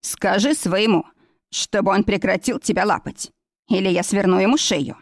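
Here is a proud, jealous man who speaks slowly and with a cold threat underneath, as a woman narrator reads him. The voice sits at her ordinary pitch, dry and close in a storybook recording. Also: dry recording, natural voice. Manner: slow, menacing.

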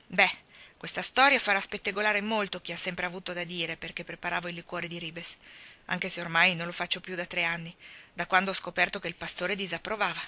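A woman voicing a stern, practical older guardian in a storybook reading, with a brisk, no-nonsense manner. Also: on the low side, sharp tone. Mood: brusque.

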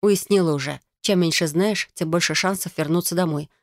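A woman narrating a first-person fantasy audiobook in an even, wry storytelling manner. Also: lowish voice, a little fast, no room sound, studio quality.

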